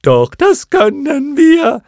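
A chirping gang of tiny winged clown creatures, put on by a man, high-pitched, shrill and drawn-out. The voice leaps about and rasps, recorded dry and close. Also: huge pitch swings, a little mellow, dry recording, exaggerated voice. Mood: giddy. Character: squeaky silly clown moths, small winged creatures.

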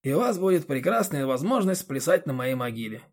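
A man voicing a calm, sardonic old man who speaks quietly and dryly. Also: a little high, fairly quick. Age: older.

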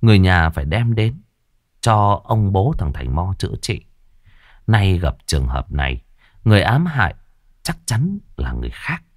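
Lively lower-voiced male storyteller. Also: dry recording, clean studio sound. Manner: lively, vivid telling with varied pitch. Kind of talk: horror story narration.

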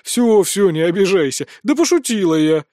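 A man voicing a towering female mercenary warrior who booms threats and rough teasing. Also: animated, moderate pace, warm tone, dry recording, studio quality.

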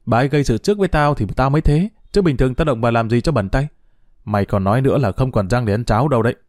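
A man voicing a brash young daughter-in-law in an audio story, sneering in quick, sharp bursts. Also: mid-range voice, no echo, clean studio sound, lightly acted. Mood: spiteful.

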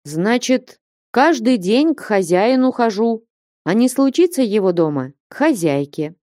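A woman voicing a downcast young village man who answers reluctantly, low and with sighs. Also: very animated, a little slow, dark tone, dry recording, studio quality. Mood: glum.

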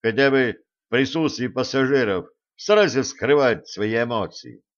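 A man's voice: medium pitch, expressive, moderate pace, natural voice. A man voicing a dry, ironic space pirate captain in an audiobook. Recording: dull lo-fi recording.

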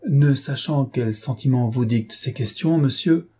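Onésime, a man reading as a timid gentle young man. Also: mid-range voice, unhurried, slightly rough. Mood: gentle, hesitant. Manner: soft, hesitant and trembling, yet dignified.

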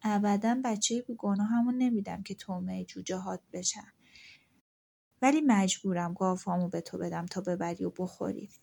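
A poor old man from a storybook tale, worn down and desperate, who pleads in a resigned way, as read by a woman narrator. The voice is the reader's own, at an ordinary mid pitch. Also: creaky, warm tone. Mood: resolute.

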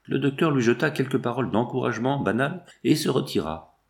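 Gravelly-voiced man narrating a novel. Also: mid-range voice, expressive, brisk. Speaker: audiobook narrator. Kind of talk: reading a classic novel aloud.

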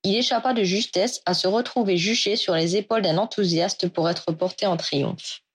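A woman's voice: medium pitch, normal speed, breathy edge. Woman reading a story aloud. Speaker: reader. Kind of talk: audiobook reading of fan fiction.

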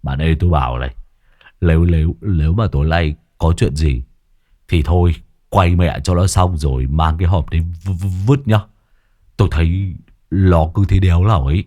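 Stammering, cowardly addict, as a man puts him on for an audio story; very low, husky voice. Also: moderate pace, dark tone. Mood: nervous. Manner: stammering, pleading. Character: cowardly, frightened young male addict.

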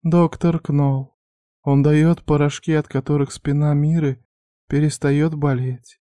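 A scared young serving girl with a high, thin voice, speaking barely above a hush in a storybook tale, as a male reader puts her on. Her words come soft and small, recorded close and dry. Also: little pitch movement, slow, dry recording. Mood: timid hushed. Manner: quiet, barely audible. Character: frightened young waitress, timid and hushed. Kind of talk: audiobook character voice.

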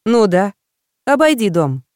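A woman voicing a blunt young woman best friend who talks briskly and teases in a no-nonsense way, in an audiobook. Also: mid-range voice, sing-song, a little mellow, no echo, studio quality.

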